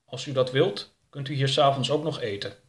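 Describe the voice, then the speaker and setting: A man's voice: medium pitch, a little fast, reverberant, close to an everyday voice. Man playing a courteous, formal organizer in a storybook. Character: polite, formal male hotel organizer in a suit.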